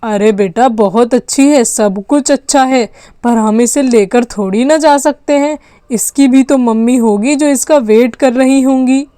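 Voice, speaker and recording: A woman's voice: on the high side, a little slow, mellow, no echo, studio quality, natural voice. A woman voicing a tired father of two in a doll story, talking in a fussy, scolding way. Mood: cautioning. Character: grown man, tired father of two kids. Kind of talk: doll story role-play.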